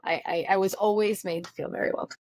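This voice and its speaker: A middle-aged woman from Mexico, telling her story as a guest in a casual interview, animated and playing out the voices she quotes. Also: mid-range voice, fast talker.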